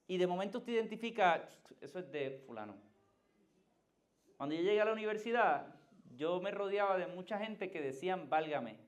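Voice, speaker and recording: Puerto Rican male pastor preaching. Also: high-pitched. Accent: Puerto Rican Spanish. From Puerto Rico. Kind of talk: sermon.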